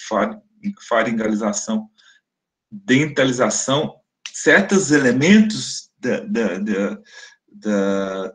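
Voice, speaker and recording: Brazilian male lecturer, casual explanatory webinar delivery, sounds out examples, mid-range voice. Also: mid-range voice. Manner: explanatory, demonstrates speech sounds aloud, frequent "né?" tags.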